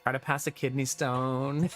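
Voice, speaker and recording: A man's voice: medium pitch, sharp tone. A man streaming a game with casual, sarcastic, joking commentary to his viewers. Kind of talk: casual live gameplay commentary.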